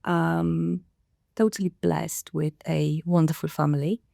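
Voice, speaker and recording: Middle-aged woman from Romania, podcast guest, gravelly fry, dry close sound, thoughtful and unhurried. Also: sits low, level tone, dark tone, no echo. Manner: measured, thoughtful, many pauses and fillers. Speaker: guest, council director. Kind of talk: podcast interview.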